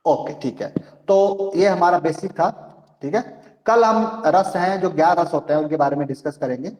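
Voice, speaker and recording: A man's voice: fairly high pitch, normal speed, a little mellow. A male teacher giving an online class, explaining with rhetorical questions and often checking that students follow. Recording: echoey room.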